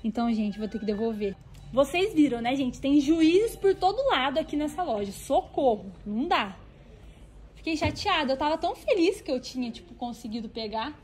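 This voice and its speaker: High-voiced Brazilian woman vlogging while shopping. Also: normal speed. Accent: Brazilian Portuguese. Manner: animated, talks to viewers while browsing. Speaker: stationery store vlogger. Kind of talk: chatty shopping vlog. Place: inside a stationery store.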